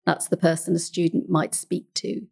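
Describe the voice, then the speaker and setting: A woman counsellor hosting a podcast, speaking in a calm, measured way with carefully chosen words and an English accent. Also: on the low side, creaky, breathy edge.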